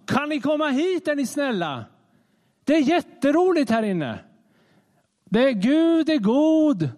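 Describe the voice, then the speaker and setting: A man's voice: very high-pitched, animated, pitched above the performer's own voice. A man mimicking smug, prim churchgoers who call sinners in from a distance in a mocking sing-song. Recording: long reverb of a large hall.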